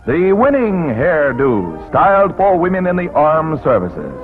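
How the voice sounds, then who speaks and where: A man narrating a 1940s wartime newsreel in a brisk announcer delivery with punchy quips, heard as old newsreel sound. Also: a little high, wildly swooping pitch. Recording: tinny 1940s newsreel soundtrack with loud music.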